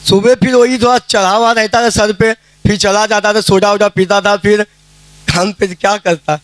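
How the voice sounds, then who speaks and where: A man's voice: high-pitched, level tone, moderate pace, dry recording, soft background music. A man giving a casual spoken testimony at a prayer meeting, telling his story plainly and acting out the dialogue he quotes. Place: prayer hall.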